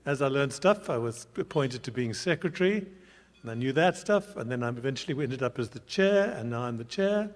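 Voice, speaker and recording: A man from South Africa introduces himself on a conference panel. His tone is relaxed and a little wry, at an ordinary pitch. The voice carries the long reverb of a hall. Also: a little fast. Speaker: board chair.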